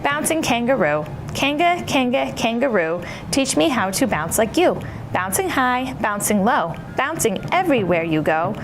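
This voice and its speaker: A woman's voice: on the high side, big pitch swings, moderate pace, noisy background. A woman hosting a children's story time, playful and bubbly like an entertainer for young listeners. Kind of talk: children's story time chat and read-aloud.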